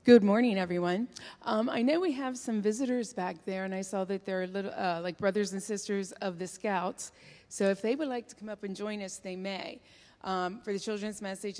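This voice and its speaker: Woman giving a children's message in church. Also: medium pitch. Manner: gentle, chatty and informal with kids, using fillers. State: recovering from illness, voice not fully back. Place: church sanctuary with long reverb. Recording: long church reverb.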